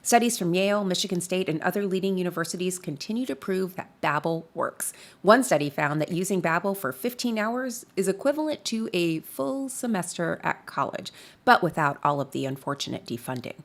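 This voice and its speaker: A woman's voice: on the low side, lively intonation, fairly quick. A woman podcast co-host reading a sponsor ad with upbeat, emphatic delivery on a close studio mic. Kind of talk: host-read ad.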